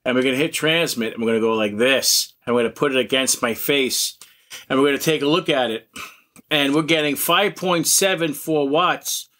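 A man's voice: mid-range voice, moderate pace, sharp tone. A man hosting a radio hobby video, talking bluntly and emphatically while demonstrating gear. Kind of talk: casual demo talk.

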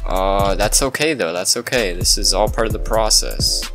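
A man's voice: fairly low pitch, moderate pace. A young man giving casual, self-mocking commentary over his own gameplay, breaking into yelps and laughter when things go wrong. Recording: faint music behind.

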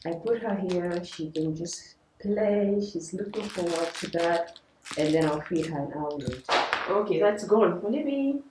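Low-voiced young mother in echoey room. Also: a little slow, very noisy. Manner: chatty, explains step by step with fillers. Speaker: vlogger and working mother. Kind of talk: casual vlog talk to camera. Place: home, indoors. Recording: echoey room, mic at a distance.

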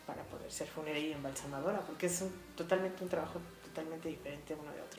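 A woman's voice: sits low, quick pace, echoey room, over music. A woman in her forties with a Mexico City Spanish accent, a funeral director telling her story in a casual interview, full of fillers. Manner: lively storytelling with frequent fillers. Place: small art-filled room indoors.

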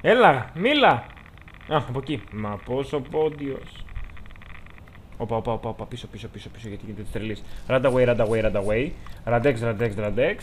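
A man's voice: mid-range voice, darkish tone, a little hiss or hum. A man with a Greek accent giving chatty, joking let's-play commentary, talking to the game's characters as he plays. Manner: chatty, jokey, talks to the game characters. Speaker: gameplay commentator.

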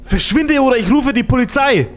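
A man's voice: very high-pitched, lively intonation, brisk, pitched above the performer's own voice. A man voicing a frightened young protagonist who refuses to let a stranger in. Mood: defiant.

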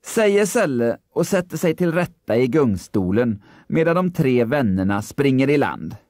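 Expressive male storybook narrator. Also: medium pitch, no echo, studio quality. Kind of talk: scripted children's story narration.

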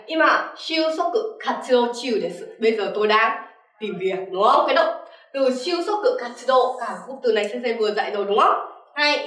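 Her voice is a little high with a fairly bright tone. A young woman calling herself sensei teaches Japanese vocabulary, using "right?" again and again as a checking tag. The distant mic leaves her voice off-axis in an echoey room.

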